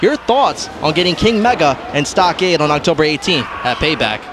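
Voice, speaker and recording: A man's voice: a little high, big pitch swings, moderate pace, background noise. A man working as a backstage interviewer, asking polite, brief questions.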